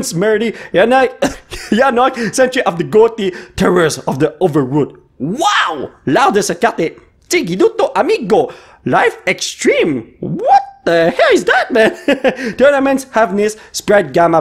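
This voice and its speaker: A man gives casual unboxing commentary. His pitch swings widely as he reads out card names and breaks into excited English exclamations. The tone stays chatty and lively throughout. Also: measured pace. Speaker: YouTuber opening cards.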